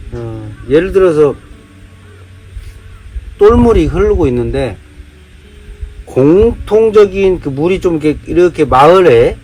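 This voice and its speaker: A man's voice: medium pitch, darkish tone, breathy edge. A man from Jeolla giving a heated monologue, firing off rhetorical questions. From Jeolla, South Korea. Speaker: vlogger. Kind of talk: casual monologue, day-drinking rant.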